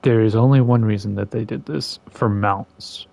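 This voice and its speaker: With vocal fry and a dry recording, this man talks at normal speed while playing a game and mocking it. He's a gaming content creator whose exasperated, sarcastic commentary stays casual but jumps around in pitch and volume.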